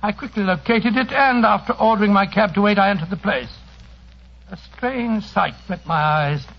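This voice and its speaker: A man's voice: high voice, moderate pace, vocal fry. A man playing a genial older English doctor who tells of his past adventures in an avuncular, fussy manner, in 1940s radio drama style. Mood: genial, reminiscing. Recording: dull old radio broadcast.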